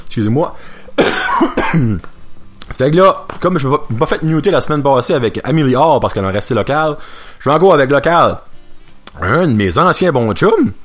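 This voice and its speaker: A man hosting a casual radio show, chatting and slipping English words and slang in as he introduces songs. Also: on the low side.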